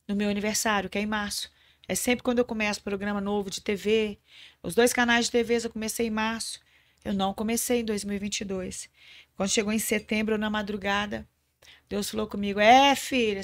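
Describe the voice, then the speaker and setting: A woman hosting a podcast, telling an earnest, emotional testimony of faith. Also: mid-range voice. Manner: earnest, speaks of God speaking to her. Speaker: podcast host.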